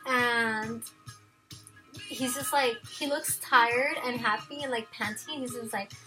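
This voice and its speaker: A woman's voice: on the high side, takes it slowly, poor audio. A young woman vlogger at home, telling a personal story in a casual, chatty way with lots of filler words. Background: background music.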